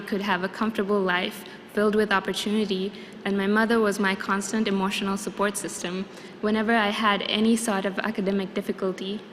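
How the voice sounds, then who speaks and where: A young woman from Sri Lanka giving a formal graduation address, earnest and measured. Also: mid-range voice, a bit bright. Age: young adult. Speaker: student graduation speaker. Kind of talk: formal prepared speech. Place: large convocation hall. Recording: long hall reverb, faint noise.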